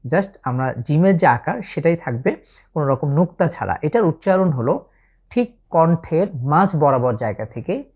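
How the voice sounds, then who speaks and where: A woman with a Bangladeshi Bengali accent teaching Arabic letter pronunciation for the Quran, slow and patient, drawing out each letter as she demonstrates it. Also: low-pitched, a little mellow, dull audio.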